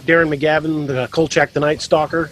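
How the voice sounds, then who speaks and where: A man's voice: on the high side, flat delivery, normal speed, faint music behind. A man in his fifties from Missouri, a guest author telling stories in a casual interview, with many ums and restarts. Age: 50s. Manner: rambling storyteller, frequent ums and restarts.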